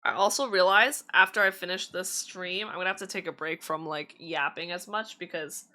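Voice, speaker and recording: A woman's voice: fairly low pitch, moderate pace, pushed and bright. A woman streaming tarot readings in casual chat, chatty and giggly with lots of fillers, her voice slightly strained.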